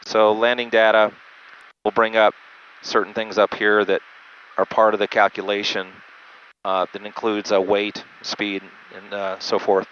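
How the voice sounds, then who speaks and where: A jet pilot in a small cockpit mid-flight gives an unscripted instructional walkthrough, explaining procedures in a low, even voice that's patient, methodical, and halting. He's heard through an aviation headset over the intercom, so the audio is dull, muffled, and band-limited, with engine noise.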